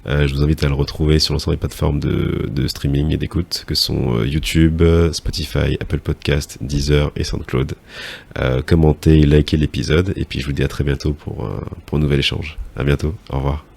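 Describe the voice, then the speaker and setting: A man hosts a podcast in a very deep, gravelly voice. He talks quickly and keeps a friendly, easygoing tone while asking questions. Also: level tone, darkish tone. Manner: friendly, fast, wraps up with outro. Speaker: podcast host. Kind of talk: casual interview hosting.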